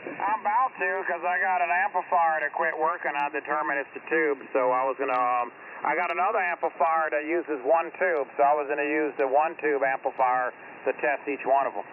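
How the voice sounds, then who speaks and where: A man chatting casually as an amateur operator over a mistuned ham radio, halting and folksy, often repeating his words. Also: on the high side. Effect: mistuned ham radio voice, drifting off frequency. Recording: narrow-band radio with loud static.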